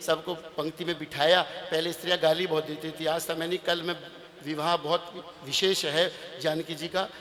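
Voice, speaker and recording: High, bright-voiced male katha preacher. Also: moderate pace, long reverb tail. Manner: animated storytelling with emphatic bursts and sung lines. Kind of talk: devotional Ram katha sermon.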